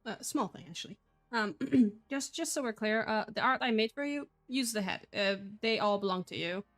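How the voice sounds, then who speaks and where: A woman's voice: fairly high pitch, faint music behind. A woman from Poland, not a native English speaker, speaking firmly on an online group voice call and filling her sentences with "uh" and "um". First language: Polish. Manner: firm, measured, with frequent fillers. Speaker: call moderator.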